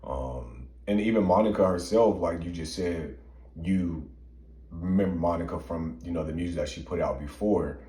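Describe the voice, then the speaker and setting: Male podcast co-host, low mellow voice, earnest chat, echoey room. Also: normal speed. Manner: earnest, emphatic opinions with many fillers. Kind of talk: casual chat.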